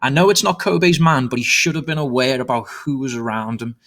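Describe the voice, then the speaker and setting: A man doing fast live play-by-play commentary on an online soccer match, jumping up in excitement at goals and a little out of breath. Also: a little high. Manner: excitable, rapid, rises sharply on goals. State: slightly out of breath. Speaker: esports commentator.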